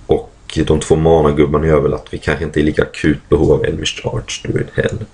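Very deep gravelly husky man. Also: completely flat delivery, darkish tone. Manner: thinking aloud, many fillers, clears throat often. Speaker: card game player commentating a draft. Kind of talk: casual draft commentary.

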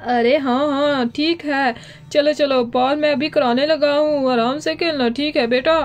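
A woman's voice: high voice, fairly even intonation, a little slow. A woman voicing a kindly middle-aged village father in a doll story, speaking in a soothing, fatherly way. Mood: reassuring. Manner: soothing, fatherly, easily alarmed.

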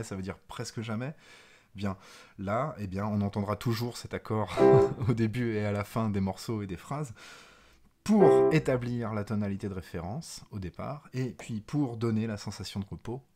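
A man teaching music theory in a lively, emphatic way, with playful asides, as he plays examples on the piano. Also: on the low side. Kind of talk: explanatory video lesson. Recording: piano playing alongside the voice.

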